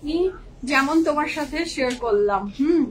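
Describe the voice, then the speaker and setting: This woman, a working mother who is a young adult or in her 30s, runs a live-stream clothing sale and gushes over each dress while mixing English into her Bengali. Her high voice moves at a moderate pace, on a low-quality recording with slight background noise.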